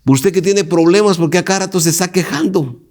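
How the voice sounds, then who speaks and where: A man's voice: high voice, fairly quick, darkish tone. A male pastor teaching a Bible lesson, emphatic and preacherly, putting direct questions to his listeners.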